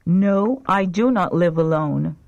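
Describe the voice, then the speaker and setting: A dull lo-fi tape carries a woman reading phrasebook lines slowly for a language course. Her voice is fairly low and a little mellow, with vocal fry, and she enunciates the scripted drill carefully.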